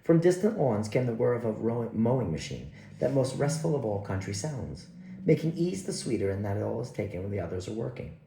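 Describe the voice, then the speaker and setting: A man reading an audiobook, unhurried and expressive. His voice is gravelly and mellow with a lively, varied pitch. It sounds like an echoey room. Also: slight background noise. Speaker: audiobook narrator.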